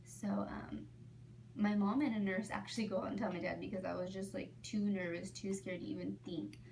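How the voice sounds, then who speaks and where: A woman's voice: medium pitch, steady tone, a little fast, vocal fry, darkish tone. A young woman in her late teens telling her own story in a casual vlog. She talks chattily with lots of "um" and "like" and often drops to a near whisper. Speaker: vlogger. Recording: distant mic with faint background noise.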